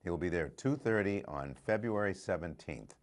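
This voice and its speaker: A man's voice: sits low, expressive, moderate pace. An older man co-hosting a community show, chatting casually in a folksy, repetitive way. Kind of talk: casual chat.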